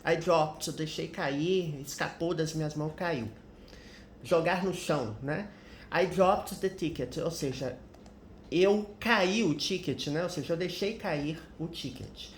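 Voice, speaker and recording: Slow, patient Brazilian man teaching. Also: fairly high pitch. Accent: Brazilian Portuguese. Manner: patient, explanatory, tags sentences with "né?". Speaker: English teacher. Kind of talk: grammar lesson explaining example sentences. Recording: roomy echo with faint background noise.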